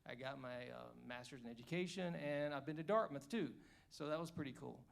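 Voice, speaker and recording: A man's voice: medium pitch, brisk, creaky. A man in his fifties from Georgia, a candidate giving a chatty, joking forum speech at an indoor evening event. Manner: joking, chatty, rambling asides. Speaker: congressional candidate.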